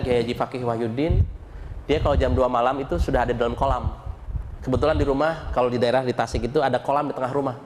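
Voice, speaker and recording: Lively man preaching in a hall. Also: mid-range voice, slight background noise. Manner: lively, animated preaching with chanted dhikr and colloquial asides. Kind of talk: Islamic sermon. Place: mosque hall.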